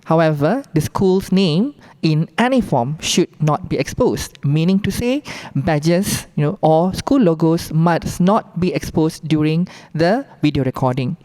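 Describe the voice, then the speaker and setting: A woman with a Malaysian accent explains rules in a briefing. Her voice is soft-edged and mellow, sitting slightly low, and she goes through things instructively, point by point. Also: expressive, measured pace, hardly any pauses, poor audio. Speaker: competition briefing presenter.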